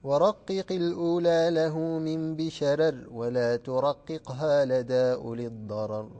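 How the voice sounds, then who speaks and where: A man reciting lines of verse in a slow, measured chant. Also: a little high, steady tone, mellow, big-room sound.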